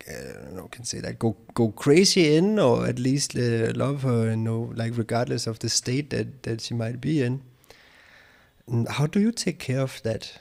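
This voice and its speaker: A man's voice: mid-range voice, vocal fry, darkish tone. A man hosting a therapy-style interview, asking probing questions while searching for words with many fillers. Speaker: podcast host and interviewer.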